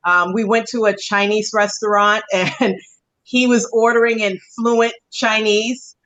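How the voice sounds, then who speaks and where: A woman's voice: mid-range voice, steady tone, a little slow, a bit bright, dull audio. Chatty woman interviewer. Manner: chatty, laughs often. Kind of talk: casual interview.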